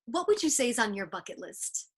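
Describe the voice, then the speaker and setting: A woman's voice: fairly high pitch, sing-song, a little fast, breathy edge. A woman hosting a casual interview, chatting eagerly and telling stories over a video call. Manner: enthusiastic, chatty storyteller. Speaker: interview host.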